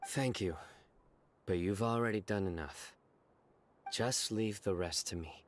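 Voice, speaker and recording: An actor playing a stern, resolute young male enforcer in a video game, speaking in a measured, solemn, terse way. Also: on the low side, lightly acted. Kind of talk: scripted video game voice acting.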